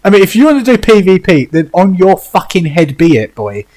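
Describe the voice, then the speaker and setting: A man's voice: high-pitched, big pitch swings, fairly quick, darkish tone, low-quality recording. A young British man hosting a gaming stream, chatting casually with friends, teasing them, swearing and laughing often. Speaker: streamer host.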